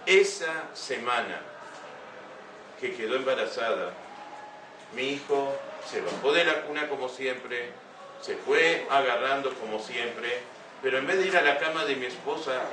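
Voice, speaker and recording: An older man gives an earnest talk to young listeners, frequently pausing to pose rhetorical questions. His medium-pitched voice moves at a moderate pace and sounds distant from the mic in an echoey room, with constant room noise in the background.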